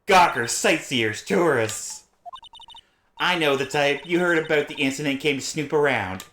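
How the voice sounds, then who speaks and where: A man's voice: fairly high pitch, expressive, moderate pace, bright, forceful tone, slight background noise. Brief: a man playing a cranky older woman guarding a studio gate in a game, scolding, wide swooping delivery, roomy sound. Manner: grumbling, scolding. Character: gruff older female studio security guard. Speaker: streamer reading game dialogue. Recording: roomy echoey stream audio.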